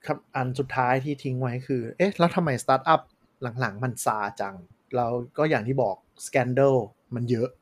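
A man's voice: medium pitch, moderate pace. A man co-hosting a podcast in casual chat, frankly explaining things with examples. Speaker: podcast co-host.

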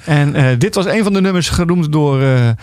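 A man's voice: fairly high pitch, fairly quick, a little mellow, no room sound, studio quality. A middle-aged man, an author, talking as a guest in a radio interview, hesitant and full of filler sounds and restarts.

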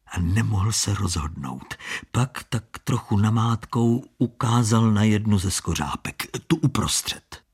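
A man narrating an audiobook story in an expressive, shifting storytelling manner. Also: lowish voice, slightly rough.

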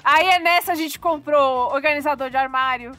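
A woman's voice: high-pitched, moderate pace, bright, forceful tone, soft background music. A Brazilian woman in casual podcast chat, playful and chiming in with jokes. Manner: playful, chimes in with jokes and quotes.

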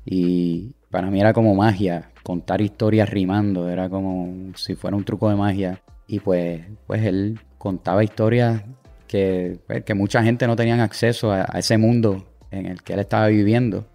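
Deep gravelly Puerto Rican man. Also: soft background music. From Puerto Rico. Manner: relaxed, halting, many fillers. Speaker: guest artist. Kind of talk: casual interview answers.

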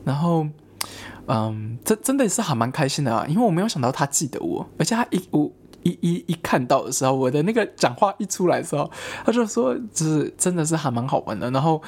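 A young adult tells a personal story in a relaxed, chatty way, full of fillers. The voice is husky and a bit breathy, at a middling pitch. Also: fast talker. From Taiwan. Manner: chatty, many fillers, lively acted-out quotes. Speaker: vlogger. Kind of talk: casual storytelling to camera.

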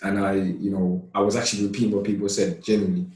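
A man from Somalia, a podcast guest, telling stories from his childhood in a relaxed, chatty way with lots of laughter and fillers. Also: sits low, fast. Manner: relaxed, laughs often, many "you know" fillers. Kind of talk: casual storytelling. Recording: roomy, distant mic.

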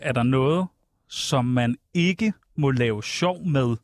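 Podcast host dude, quick teasing quips, dry close mic. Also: male voice, mid-range voice, no room sound. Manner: short reactions and teasing questions. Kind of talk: casual podcast chat.

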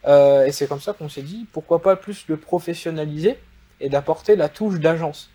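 A man's voice: a little high, moderate pace, warm tone. A man with a French accent, a guest in a casual interview, explaining at length with many fillers. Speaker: guest, e-commerce agency founder.

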